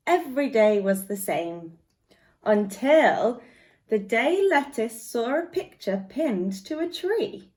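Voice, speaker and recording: Reading aloud to young children, a guest reader brings a picture book to life with expressive storytelling. She has a slightly high voice.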